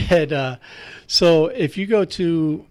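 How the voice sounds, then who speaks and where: A priest who hosts a radio talk show speaks in a fairly high, slow voice. He's chatty and joking as he closes out with thanks and plugs, giving a warm sign-off.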